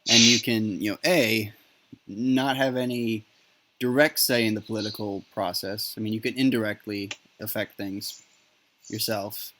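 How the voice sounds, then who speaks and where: Male podcast host, lowish voice, hesitant, restarts often, rough popping audio. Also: steady tone, sharp tone. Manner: halting, many fillers and restarts. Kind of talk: casual discussion.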